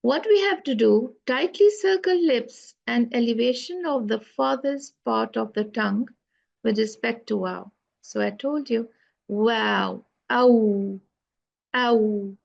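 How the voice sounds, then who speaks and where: Brief: female tajweed teacher, higher voice with gravelly fry, dull lo-fi recording. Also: darkish tone. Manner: slow, repeats sounds to demonstrate pronunciation. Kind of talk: online lesson.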